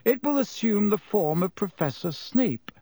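A man voicing a kind, calm, middle-aged male professor in an audiobook, speaking in a patient, encouraging way. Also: high voice, moderate pace, dry recording, studio quality, pitched above the performer's own voice. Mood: patient teaching. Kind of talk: audiobook character voice.

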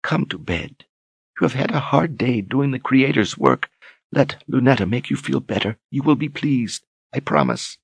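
A man's voice: medium pitch, very animated, brisk, hardly any pauses, darkish tone, breathy edge, no room sound, voice pushed up. A man reading an audiobook, voicing a cowed woman sorceress who pleads and coos in broken grammar. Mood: cooing. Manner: whiny, pleading, archaic grammar.

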